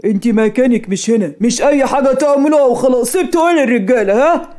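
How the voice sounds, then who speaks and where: A woman's voice: sits high, animated, quick pace, dark tone. A woman voicing a rowdy, jeering man in a street crowd, with an Egyptian accent, in a cartoon story.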